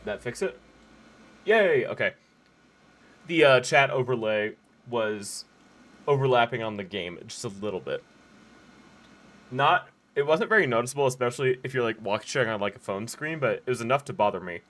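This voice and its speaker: A man's voice: mid-range voice, animated, moderate pace, long pauses, a bit bright. A man streaming a game live, chatting in a laid-back, rambling way with many fillers and restarts. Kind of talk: casual live-stream chat while playing.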